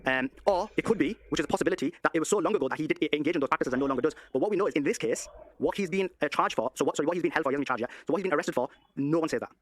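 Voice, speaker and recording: A man arguing heatedly in an online debate, cutting in with rapid repeated "no, no, no" as he presses his point. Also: fairly high pitch, no echo. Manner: argumentative, interrupts with rapid repeated "no, no, no". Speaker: legal commentator in a debate.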